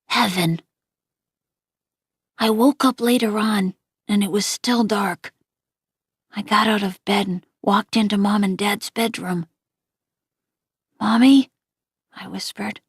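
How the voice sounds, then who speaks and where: A woman narrating an audiobook in a gentle, unhurried reading voice. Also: medium pitch, steady tone, slightly rough, no echo, studio quality.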